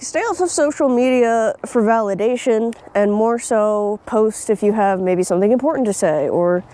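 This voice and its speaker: A woman's voice: medium pitch, warm tone. A young woman vlogging outdoors, talking bluntly and swearing freely, with frequent laughs. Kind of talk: casual opinion vlog. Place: outdoors in nature.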